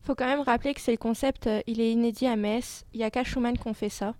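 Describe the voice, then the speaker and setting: A woman's voice: on the high side, fairly even intonation, quick pace, darkish tone, no echo. A young woman presenting a semi-scripted radio report.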